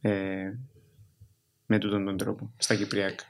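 A man's voice: on the low side, completely flat delivery, vocal fry. A man with a Greek Cypriot accent chatting casually as an interview guest, dropping English words into his speech. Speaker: interview guest, writer and performer.

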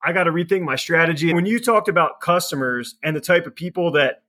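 A man's voice: a little high, bright, forceful tone. A man hosting a sales podcast, asking questions and talking straight to the listeners. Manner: fast, chatty, addresses the listeners directly. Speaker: podcast host. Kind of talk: casual podcast interview.

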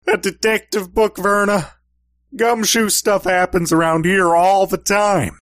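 A man's voice: sits high, little pitch movement, unhurried, fairly bright tone, no room sound, studio quality. A man playing a dopey, good-natured private detective in a comic radio play, with a cartoonish, exclaiming delivery. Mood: puzzled.

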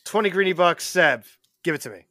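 A man's voice: high-pitched, lively intonation, fairly quick, bright, forceful tone, no echo, studio quality. A man co-hosting a podcast, talking casually and playfully about racing bets, cocky and fond of repeating catchphrases. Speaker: podcast co-host.

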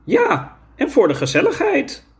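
A man's voice: very high voice, huge pitch swings, measured pace, vocal fry, voice pushed up, full character voice. A man voicing a friendly, naive, hospitable character in a children's story. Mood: kindly.

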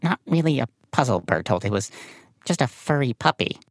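A woman's voice: a bass voice, sing-song, normal speed, no room sound, clean studio sound, full character voice. A woman voicing a patient, explaining winged sidekick who corrects her friend.

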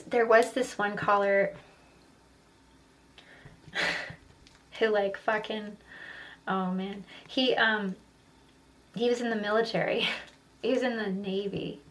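A woman in her thirties hosting a podcast alone, telling stories casually with lots of swearing and rambling asides. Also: mid-range voice. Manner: profane, rambling, animated when retelling stories. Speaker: podcast host. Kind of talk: casual solo podcast storytelling.

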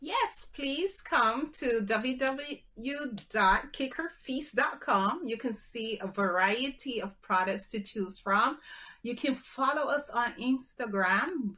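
A woman from Barbados with a Barbadian accent, chatting as a guest in an interview in a measured, upbeat way. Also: on the high side, sharp tone. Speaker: guest entrepreneur. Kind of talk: casual interview chat.

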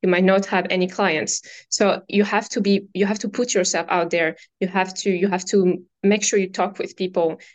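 With a French accent, a woman from France who founded a brokerage answers a podcast interview in a casual, earnest way, leaning on fillers and repeated phrases. Her mid-range voice is delivered flatly at a moderate pace with few pauses, and the audio is dull.

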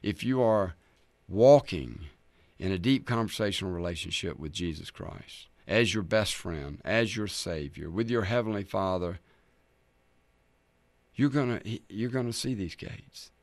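A man preaching a sermon, swinging from loud dramatic scripture readings to soft near-whispers and speaking to listeners as friends. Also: low-pitched, measured pace, no echo. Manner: addresses listeners directly as friends.

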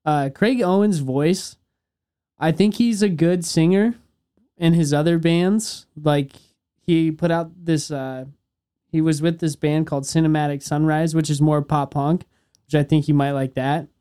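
A man's voice: fairly high pitch, steady tone, a little slow, warm tone, clear, resonant tone. A young man co-hosting a music podcast, talking casually, swearing freely and trailing off mid-thought. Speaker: podcast co-host. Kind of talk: casual chat about music.

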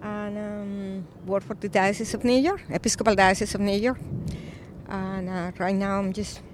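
A Colombian-born woman in her fifties, an Episcopal priest, speaking thoughtfully in a recorded interview, with frequent pauses and fillers. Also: medium pitch, steady tone, background noise. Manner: reflective, soft-spoken with frequent pauses and fillers.

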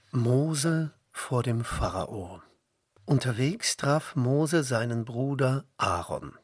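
A man narrating a bible storybook, measured and expressive. His voice is husky with a gravelly edge, and he reads slowly. The recording is dry and close. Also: mid-range voice, no room sound. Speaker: audiobook reader.

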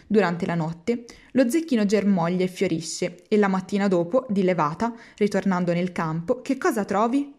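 A woman voicing a cunning, smooth-talking fox in a storybook reading, coaxing and persuasive. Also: medium pitch, a little mellow, close to an everyday voice.

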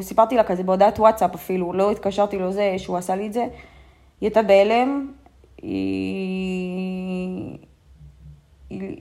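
Subdued, halting young woman. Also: mid-range voice. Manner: halting, with many fillers and restarts; soft and subdued, often trailing off. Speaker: guest sharing a personal story. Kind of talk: first-person testimony.

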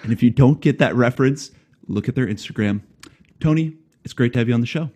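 A podcast host with a medium-pitched, darkish and slightly rough voice talks fast as he reads a prepared intro. He then shifts into a casual interview, asking rambling, friendly questions peppered with light jokes.

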